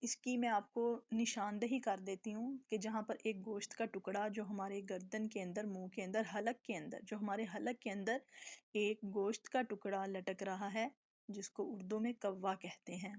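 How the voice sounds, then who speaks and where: A woman teaching recitation in a live online lesson, explaining patiently, drawing out letter sounds slowly, and often checking that her students follow. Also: mid-range voice, steady tone, darkish tone. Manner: patient, explanatory, keeps checking with a repeated question. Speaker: tajweed teacher. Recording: dull lo-fi online stream audio.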